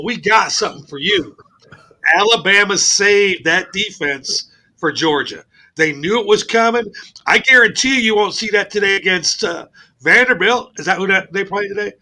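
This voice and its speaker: A man hosting a casual sports radio show, telling stories in an animated, profane way. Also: high-pitched. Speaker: host. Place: radio studio.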